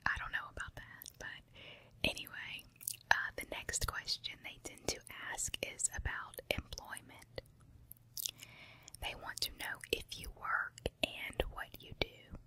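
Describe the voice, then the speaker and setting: Female ASMR creator, fully whispered ear-to-ear delivery, intimate close recording, unhurried confiding ramble. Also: pushed and bright. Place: room at home with carpet and window. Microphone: handheld recorder with foam windscreen on tripod, very close.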